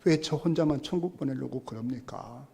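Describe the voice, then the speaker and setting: Man doing an earnest, soft-spoken son. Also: medium pitch, moderate pace, gravelly, breathy edge. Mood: pleading. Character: earnest grown son pleading politely with father.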